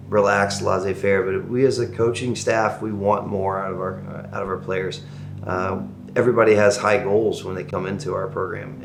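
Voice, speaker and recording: Gravelly, firm soccer coach. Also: male voice, on the low side, echoey room. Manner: firm, demanding. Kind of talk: documentary interview.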